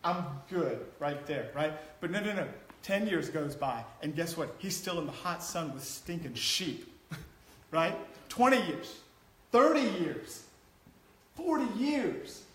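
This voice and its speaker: A man's voice: fairly high pitch, sing-song, takes it slowly, fairly bright tone. A man preaching a sermon, chatty and joking with the congregation, then building to a passionate exhortation. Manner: conversational, rising to passionate exhortation. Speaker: pastor. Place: church sanctuary. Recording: echoey church hall.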